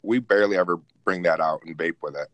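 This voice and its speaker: A man from upstate New York talks in a low, easygoing voice, wandering through his thoughts with plenty of fillers. The sound is close and dry, with no room around it. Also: fast, no room sound. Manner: laid-back, rambling with fillers. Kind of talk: casual chat.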